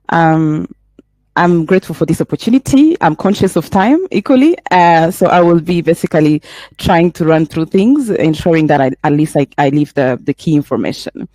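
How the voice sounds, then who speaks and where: A woman's voice: low voice, warm tone, no room sound. A woman from Rwanda giving a webinar presentation, earnest and full of fillers as she presses through her points. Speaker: presenter for a young professionals group.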